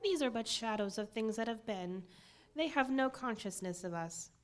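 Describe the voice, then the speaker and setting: A gentle, solemn ghostly spirit, put on by a woman reading a storybook. The voice is slightly high and lilting, and it rises and falls freely. It speaks softly and slowly, sometimes dropping to a whisper. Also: animated, slight background noise, close to an everyday voice. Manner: soft, measured, at times whispered. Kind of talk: audiobook character voice.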